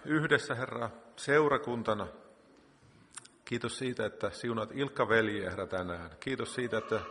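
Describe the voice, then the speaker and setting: A man's voice: mid-range voice, bright, forceful tone. A man leading a church meeting, praying aloud spontaneously and repeating "Lord" between phrases, then giving the week's announcements. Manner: prayer punctuated by constant repeated "Lord". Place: church hall. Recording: long reverb of a church hall.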